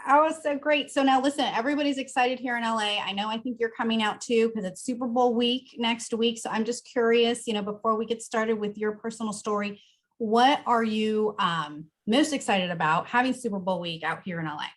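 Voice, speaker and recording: A woman's voice: fairly high pitch, fairly even intonation, brisk. A woman hosting a talk show, introducing her guest with enthusiasm and easing into the interview.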